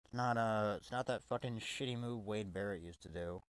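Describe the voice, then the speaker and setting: A man's voice: on the low side, normal speed, clear, resonant tone, no room sound. Profane, exasperated man ranting. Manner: profane, exasperated, stumbling restarts. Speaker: wrestling reviewer. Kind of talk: casual ranting review.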